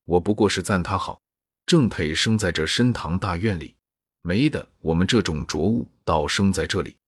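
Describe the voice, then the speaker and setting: A man's voice: sits low, moderate pace, husky, no room sound, studio quality. A man reading as a doting young nobleman. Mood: coaxing.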